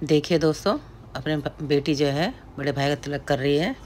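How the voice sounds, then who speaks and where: Here a low, slightly mellow female voice moves at normal speed over slight background noise. She is a middle-aged hill woman from India's Pahari region who chats through a family ritual in relaxed voice-over, frequently greeting viewers as friends.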